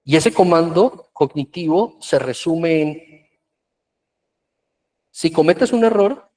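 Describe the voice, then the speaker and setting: A man's voice: on the high side, lively intonation, slow pace, mellow. Earnest man giving a workshop talk. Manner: earnest, explanatory, acts out parents' scolding in quotes. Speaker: workshop speaker on child emotions.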